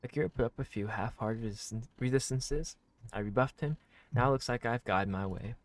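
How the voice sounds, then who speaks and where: A streamer reads a visual novel aloud during a let's play, reacting in a relaxed way with slangy, enthusiastic comments and the odd swear word. He has a mid-range voice and talks a little fast.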